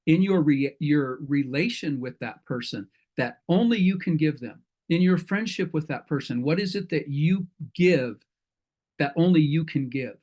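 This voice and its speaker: Speaking casually to an online entrepreneur group, a middle-aged host rambles in a folksy manner and frequently corrects himself. His voice sits on the high side with a darkish tone.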